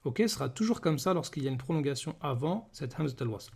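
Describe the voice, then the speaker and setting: His voice runs on the high side, creaky and husky, with lively intonation, as he teaches a beginner reading class. He says each word slowly and patiently and regularly asks whether the learners follow.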